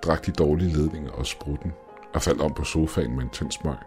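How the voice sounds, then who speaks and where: A man voicing a calm, all-knowing man with a cane. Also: a bass voice, soft background music. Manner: quiet, even, unreadable.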